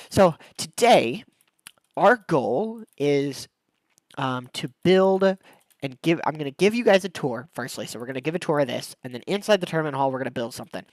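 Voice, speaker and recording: A young adult game streamer chats casually during a livestream, rambling in a relaxed, slangy manner. His medium-pitched voice is congested and nasal from a cold, and the recording is dry.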